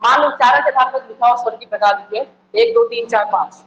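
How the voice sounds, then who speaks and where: High-voiced male teacher quizzing students. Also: fast talker, fairly bright tone, muffled recording. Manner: repeats points and quizzes the listeners with questions. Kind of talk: exam-prep lecture. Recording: echoey room, faint background noise.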